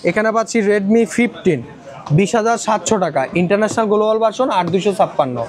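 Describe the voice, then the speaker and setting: A phone shop seller with a Bangladeshi accent pitches phones to viewers, quickly rattling off models and prices and repeating them. He is in an electronics shop inside a busy shopping complex, with mall crowd chatter audible behind his voice.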